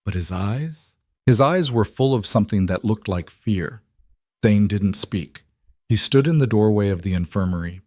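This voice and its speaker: A man giving scripted story narration in an even, dramatic storytelling manner. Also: sits low, no echo, studio quality.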